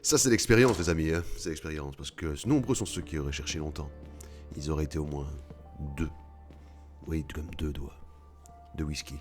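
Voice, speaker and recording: Very deep-voiced man gaming commentary. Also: moderate pace, long pauses, darkish tone, soft background music. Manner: joking, swearing asides. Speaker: let's play gamer. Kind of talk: casual gameplay commentary.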